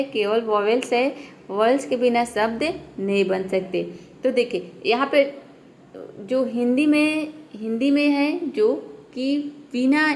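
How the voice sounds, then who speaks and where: A woman English teacher giving a beginners' pronunciation lesson, explaining patiently step by step and repeating each word slowly. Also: a little high, darkish tone, a little hiss or hum.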